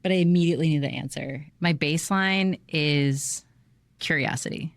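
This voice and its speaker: Female podcast talker: low register, dry sound, casual, earnest, emphatic, sweary. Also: normal speed, vocal fry, no echo. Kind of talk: casual chat.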